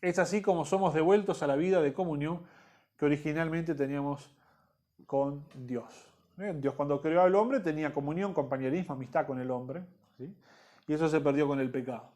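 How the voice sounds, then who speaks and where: A man's voice: fairly high pitch, normal speed, dark tone. A man teaching a church discipleship Bible class in Rioplatense Spanish, repeating key points and checking in with the listeners.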